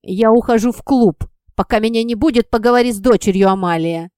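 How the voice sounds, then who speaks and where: A woman voicing a stern, angry aristocratic father who barks harshly in a lowered voice. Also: normal speed, dark tone, clean tone, no echo, studio quality, natural voice. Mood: furious.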